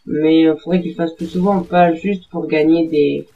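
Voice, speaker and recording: This gaming video maker's voice-over has a fairly high pitch, a steady tone, vocal fry, and a moderate pace. He comments casually on his gameplay, rambling hesitantly through many fillers and self-corrections. It's a dull, lo-fi home recording.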